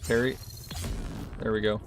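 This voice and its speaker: A man's voice: fairly low pitch, measured pace, music in the background. A male streamer giving casual commentary as he plays, talking through each move and chatting with viewers. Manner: relaxed, talks through each move while playing.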